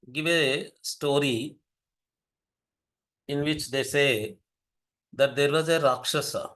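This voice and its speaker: An older man with an Indian English accent, giving an explanatory lecture in a measured way, often rephrasing himself. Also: fairly high pitch, fairly bright tone.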